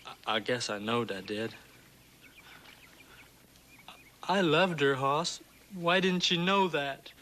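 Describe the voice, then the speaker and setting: An actor playing a simple-minded, childlike, remorseful hunted man in a 1960s TV western, with halting, rustic American speech. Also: fairly high pitch, pushed and bright, a little hiss or hum. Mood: sorrowful. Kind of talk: 1960s television western acting. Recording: old TV soundtrack with music underneath.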